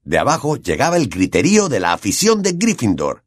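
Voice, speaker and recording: A man with a Latin American Spanish accent narrating an audiobook in an expressive, animated way. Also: mid-range voice, brisk, no echo, studio quality.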